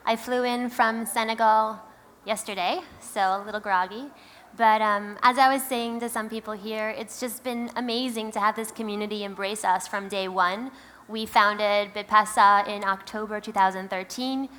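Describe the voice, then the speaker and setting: A company founder with a Queens, New York accent gives a conference keynote in a medium-pitched, fairly bright, steady voice at normal speed. Her delivery is emphatic, conversational, and wry.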